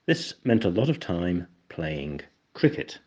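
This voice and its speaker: Older english guy with a really low husky voice, dry jokey explainer narration, bit of a dull lo-fi sound. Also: sing-song, slow, warm tone. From England. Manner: wry, dry-humored asides. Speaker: narrator of an educational video.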